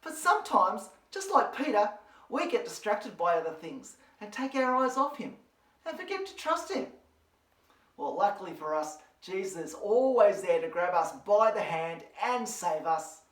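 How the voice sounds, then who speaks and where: A woman with an Australian accent presenting a children's church lesson, telling a Bible story in an animated, expressive way. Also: fairly low pitch. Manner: animated, expressive, speaks to her dog. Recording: roomy, from a distance.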